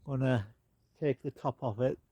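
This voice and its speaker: A man's voice: mid-range voice, unhurried, husky, dry recording. Stuffed-up man rambling in a garden. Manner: chatty, rambling, relaxed asides. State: nasal, stuffed up. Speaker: garden vlogger. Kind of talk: casual walk-and-talk. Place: outdoor garden.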